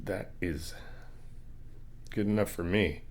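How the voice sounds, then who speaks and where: A low-pitched man talks slowly to the listener in an ASMR roleplay where he acts as a friend. He laughs a lot, stays playful and encouraging, and explains each thing calmly in steps.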